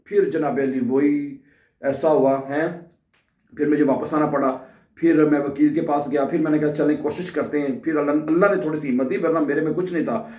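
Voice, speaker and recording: A man's voice: on the high side, fairly even intonation. A man from Pakistan, earnestly telling his own story to viewers in a casual vlog and checking in with them often. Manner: earnest, addresses viewers directly, keeps adding "okay" checks. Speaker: language vlogger. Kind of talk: casual personal storytelling to camera. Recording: roomy, distant, dull mic sound.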